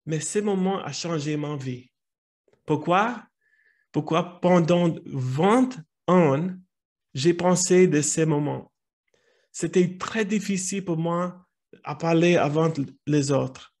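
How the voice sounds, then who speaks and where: Halting man with an American English accent. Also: a little high, darkish tone. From United States. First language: Italian. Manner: halting, searching for words, restarting phrases. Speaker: speaker at a language club meeting. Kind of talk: personal storytelling in a learned language.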